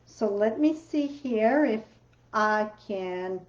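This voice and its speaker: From her home craft room, a woman with a French accent hosts a casual card-making livestream, chatty and rambling with loose grammar. She speaks slowly at a medium pitch with lively intonation, and the sound is roomy and slightly dull.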